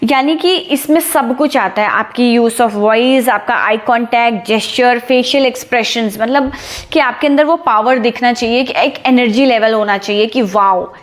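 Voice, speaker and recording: A young woman teaching public speaking to camera in a casual, energetic way, checking in with her listeners after almost every point. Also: a little high, moderate pace. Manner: energetic, chatty, asks "ठीक है?" after each point.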